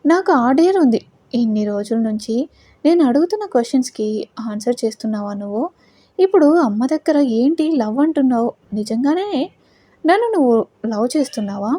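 A woman's voice: a little high, expressive, moderate pace, dark tone, no echo. A woman voicing a young bride who confronts her husband, pleading and defiant. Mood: defiant, hurt.

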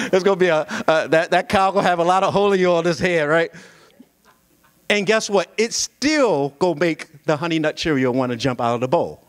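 A young man, voice on the high side and a little fast, no echo, grips a handheld mic at a church pulpit during a singles conference. He's lively and animated, telling a funny sermon-like story and joking with the audience.

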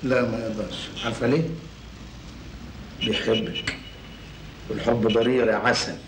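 An actor with an Egyptian Arabic accent playing a scheming, boastful crook who talks in a cocky way in an old film. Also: male voice, mid-range voice, little pitch movement, normal speed, crowd noise, natural voice. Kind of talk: 1980s Egyptian film acting. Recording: echoey old film soundtrack with noise.

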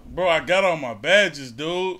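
A man's voice: fairly high pitch, lively intonation, unhurried, background noise. A young man talking on a live game stream like a hyped gamer bro, slangy and exclamatory, on a headset mic. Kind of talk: live gaming stream chat.

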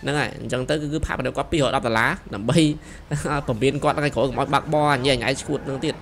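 A young man giving excited gameplay commentary, shouting quick directions as he plays. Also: mid-range voice, a little hiss or hum. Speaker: gameplay streamer. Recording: voice over loud game sirens. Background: police sirens from the game.

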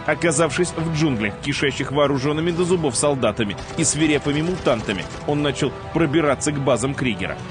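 A man's voice: a little high, expressive, fast, hardly any pauses. A man reading dramatic scripted narration as the narrator of a TV countdown show. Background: music.

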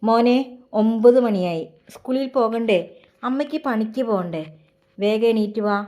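A woman's voice: a little high, normal speed, dark tone, lightly acted. Worried widowed mother, coaxing tone, read by a woman. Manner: pleading, coaxing.

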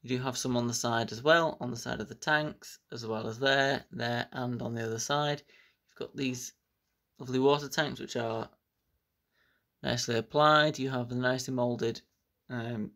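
A man's voice: mid-range voice, a bit bright. A man, casually reviewing a model locomotive at length, enthusiastic and rambling. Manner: enthusiastic, rambling with fillers like "bits and bobs".

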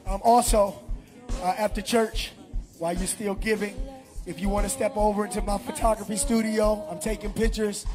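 A middle-aged man speaking, a pastor leading a prayer and offering announcements in a large church hall on a handheld mic, animated and shouting to the congregation. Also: high voice, normal speed, faint music behind.

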